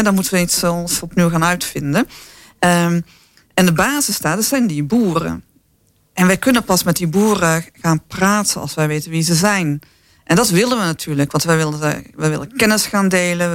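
A man from the southern Netherlands speaking in a panel discussion, lively and full of fillers and rhetorical tags. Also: high-pitched, no echo. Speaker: company representative.

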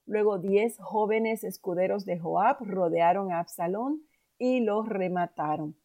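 A woman narrating a Bible story in a measured, calm storytelling manner. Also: medium pitch.

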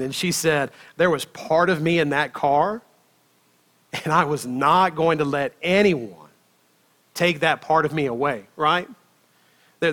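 Lively storytelling preacher, man. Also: a little high. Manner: conversational, asks the congregation "right?" often; lively storytelling, laughs between phrases. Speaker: pastor. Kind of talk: sermon.

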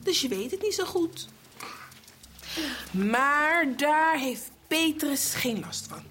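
A woman storyteller with a high, lively voice, reading to children in a slow, drawn-out way. She asks her young listeners questions, voices the rain and footsteps, and slips into whispers. Soft music plays faintly behind her.

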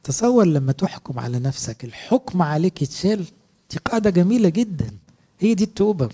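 A man's voice: high-pitched, sing-song, quick pace, dark tone, breathy edge. A middle-aged man with an Egyptian Arabic accent, preaching a sermon as a priest, earnest and asking his listeners rhetorical questions.

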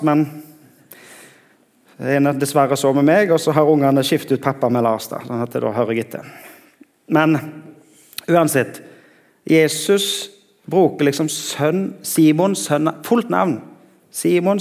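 A middle-aged man preaching a sermon in a conversational way, often pausing to search for words. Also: fairly high pitch, darkish tone. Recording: long hall reverb.

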